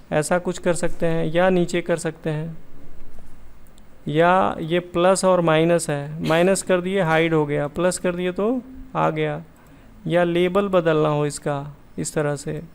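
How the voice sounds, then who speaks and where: A man's voice: fairly high pitch, vocal fry, smooth. A man teaching computer skills in a casual screen-share tutorial, chatty and thinking aloud as he corrects himself.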